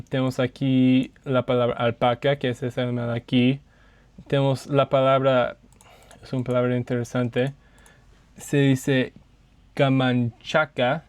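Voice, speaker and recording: Hesitant man presenting slides, smooth voice. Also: medium pitch, darkish tone, no echo. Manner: hesitant, many fillers and self-corrections. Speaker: student presenter.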